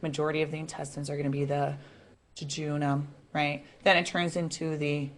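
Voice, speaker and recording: A woman giving a classroom lecture in a chatty, relaxed way, asking the students questions as she goes. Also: low voice, brisk.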